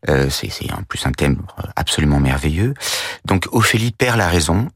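A man commenting on music in a radio studio discussion, thinking aloud with frequent pauses and fillers. His voice is extremely deep and husky, recorded dry and close, with faint music behind. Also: expressive, dry recording. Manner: thoughtful, hesitant, with many pauses and fillers.

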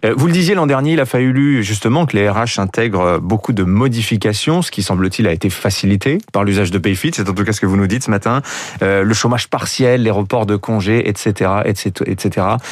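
A lower-pitched man conducting a business interview in a dry, close studio sound. He asks brisk questions and leans on key words with rising stress. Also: no room sound. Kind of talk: morning business radio interview.

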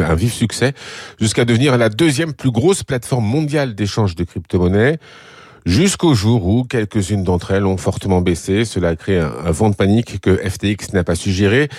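A man's voice: on the low side, a little fast, darkish tone, breathy edge, dry recording, clean studio sound. A man giving a radio news report as a correspondent, with many hesitations as he reads.

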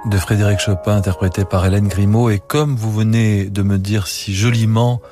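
Male radio host, lowish voice, introduces pieces and prompts his guest, faint music underneath. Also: fairly even intonation, moderate pace. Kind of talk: radio interview, presenting.

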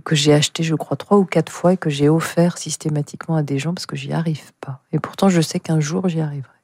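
A woman's voice: low voice, steady tone, fast talker, darkish tone, husky, dry recording, clean studio sound. A woman author answering interview questions hesitantly, searching for words and making light of herself.

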